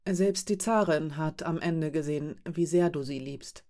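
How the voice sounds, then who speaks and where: A woman reading an audiobook, voicing a companion who speaks softly and reassuringly. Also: low-pitched, unhurried. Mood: consoling. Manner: soft, gentle, reassuring. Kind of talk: audiobook character voice.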